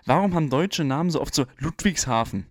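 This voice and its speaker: A man's voice: a little high, animated, brisk, no echo, studio quality. A man co-hosting a casual podcast chat, teasing his partner with crude jokes. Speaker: podcast co-host.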